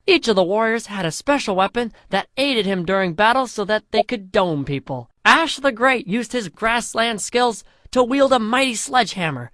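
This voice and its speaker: A storyteller with a mid-range, fairly bright voice reads a comic fantasy tale as though it were a grand epic, speaking mock-solemnly at normal speed with lively intonation and few pauses. The recording is close and dry.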